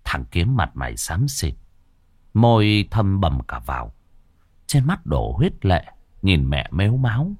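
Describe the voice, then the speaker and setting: A man narrating a ghost story in a dramatic, lively storytelling manner. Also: low-pitched, unhurried, slightly rough, no echo, studio quality.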